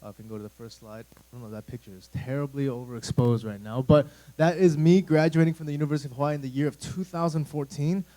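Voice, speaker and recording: Rambling youth pastor, mellow voice. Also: male voice, mid-range voice, fast talker, hardly any pauses, low-quality recording. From United States. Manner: rambling, conversational, lots of fillers and asides. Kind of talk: casual sermon talk to a youth group. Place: church room.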